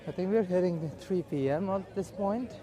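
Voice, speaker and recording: A man giving casual, unhurried walking commentary as a live vlogger, speaking in short observational phrases outdoors. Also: high-pitched, mellow, slight background noise. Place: outdoors at a busy beach and streets. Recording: outdoor crowd and street bustle. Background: crowd.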